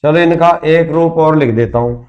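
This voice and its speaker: A man with a somewhat high voice teaches a grammar lesson at the board. He works through examples step by step, calling his students friends and asking them questions he then answers himself. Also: normal speed, dull audio. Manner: explains step by step, asks rhetorical questions.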